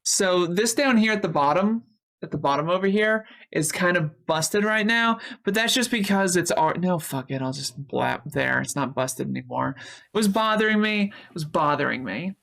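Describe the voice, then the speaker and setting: On her live Twitch stream, a woman reads chat and banters casually, thanking viewers and dropping plenty of swear words. Her voice sits on the low side, creaky and a bit bright, with lively intonation at a normal speed.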